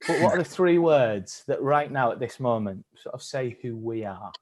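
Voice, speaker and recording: A man with a medium-pitched, expressive voice speaks at normal speed while leading a live-streamed online acting workshop. He's encouraging and upbeat as he coaches the participants.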